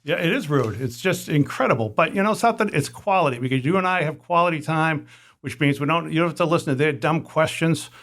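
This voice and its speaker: A man's voice: a little high, fast talker, fairly bright tone. Joking male comedian podcast host. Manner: joking, rambling, many restarts. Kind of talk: casual podcast interview.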